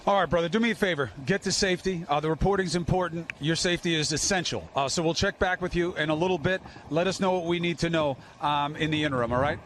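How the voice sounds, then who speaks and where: A male news anchor speaking live in earnest, measured phrases. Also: a little high, fairly bright tone, a little hiss or hum.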